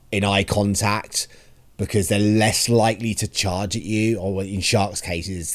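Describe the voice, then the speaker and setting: Deep-voiced man chatting along. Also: no room sound. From United Kingdom. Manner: chatty, self-deprecating, jokey asides. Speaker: reaction video host. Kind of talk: casual reaction commentary.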